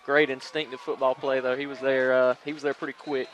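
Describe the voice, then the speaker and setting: A man gives color commentary beside the play-by-play caller in a press box. His delivery is even and flat, calm and unhurried. Faint noise sits under his voice. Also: medium pitch, poor audio. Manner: laid-back, steady, chuckling. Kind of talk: local radio football color commentary.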